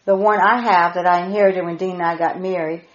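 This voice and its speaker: A middle-aged woman teaching a Bible study to a small group, stressing key words by repeating them slowly and emphatically. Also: fairly low pitch, fairly even intonation. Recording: roomy, dull lo-fi recording.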